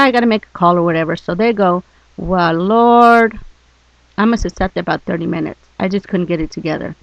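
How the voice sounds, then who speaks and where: A woman talks straight to camera in a relaxed vlog, blunt and animated as she tells her story. Her voice has a gravelly edge and a slight lisp. The sound is dry and close, with little room echo. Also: fairly low pitch. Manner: lisping from a mouth injury. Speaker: vlogger. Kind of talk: casual personal storytelling.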